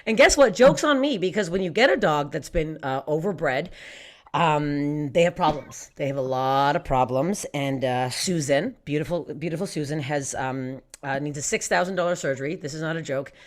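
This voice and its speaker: A woman's voice: low-pitched, moderate pace. A young woman from Canada doing a raunchy stand-up set online, brash and self-mocking, swearing often and laughing through her lines. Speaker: stand-up comedian. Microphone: streamed stand-up.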